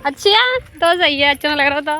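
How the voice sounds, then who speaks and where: A woman's voice: high-pitched, lively intonation, normal speed, sharp tone. A woman chatting casually and laughing often as she films a vlog outdoors in the fields. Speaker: vlogger.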